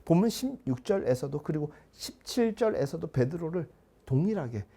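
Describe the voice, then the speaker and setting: A male pastor delivers a sermon in a gravelly, husky voice that sits a little high for a man. His tone is dark and mellow, and his preaching is measured and earnest, with rhetorical questions put to the congregation. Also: very animated.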